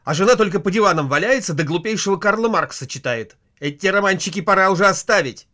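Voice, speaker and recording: A man's voice: high-pitched, expressive, fast talker, bright, forceful tone, voice pushed up. Man doing a snappish, bossy husband. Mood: snappish gruff. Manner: gruff, snappish, blustering. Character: irritable bossy husband, hot-tempered official.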